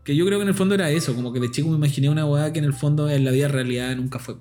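A man's voice: on the high side, racing, darkish tone, soft background music. A young man with a Chilean accent, casually telling personal stories on a podcast in a slangy, laughing way. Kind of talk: casual storytelling chat.

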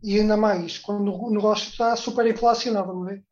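A man's voice: high voice, steady tone, fast talker. A man calling in to give his opinion, indignant and emphatic, dropping "pá" as he talks. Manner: indignant, emphatic, uses "pá" and "epá". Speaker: caller. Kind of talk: phone-in opinion. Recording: dull lo-fi call audio.

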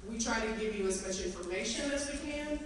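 This teachers' association speaker is a woman with a slightly high voice, lively intonation, and a fairly quick delivery. She addresses a room of educators in a casual, earnest way, sprinkling in plenty of ums and you-knows. Picked up from far off, the sound carries the echo and ambient noise of a large hall.

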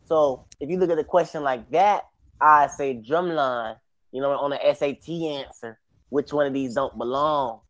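A man's voice: a little high, moderate pace, a bit bright. An American man in a casual podcast debate, reasoning aloud in colloquial speech.

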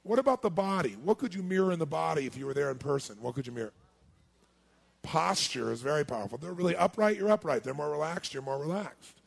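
A man giving a sales seminar, firing rhetorical questions at his audience and swinging between loud and hushed delivery. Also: a little high, lively intonation, fast talker, vocal fry, breathy edge. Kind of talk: live seminar talk to an audience.

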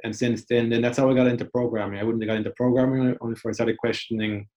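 A man's voice: medium pitch, little pitch movement, quick pace, a little mellow, highs cut off. A young man talking in a loose, reflective way during a casual interview. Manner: reflective, loose, many restarts and "like". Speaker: podcast guest.

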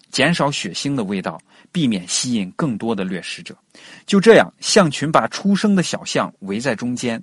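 一位男主播以富有表现力的讲解口吻，像自然纪录片解说一样给孩子讲科学故事，不时向听众提问。. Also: male voice, medium pitch, husky, no echo. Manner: expressive, explanatory, puts questions to the listener. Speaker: host of a children's science story show. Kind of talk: scripted educational storytelling for children, nature documentary narration.

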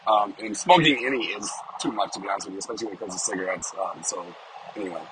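A man with a smoker's voice giving an informal, off-the-cuff devotional, speaking haltingly and repeating phrases for emphasis inside a car. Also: on the low side, background noise. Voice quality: smoker's voice with occasional cough. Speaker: podcast host giving a devotional. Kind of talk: informal off-the-cuff sermon and prayer. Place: inside a parked small car.

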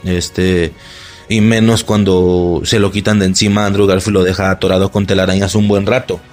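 A man with a Mexican accent recapping a film in an excited, casual way, swearing freely and laughing often. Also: sits low, moderate pace, soft background music. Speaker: movie reaction vlogger.

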